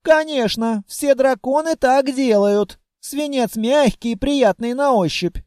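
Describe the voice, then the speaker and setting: Casting: a man playing a flustered, shy she-dragon, high and fussy, close and dry. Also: unhurried, darkish tone, no room sound. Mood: chatty. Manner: shrieking, apologetic, chatty. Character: timid fussy female dragon, polite and flustered.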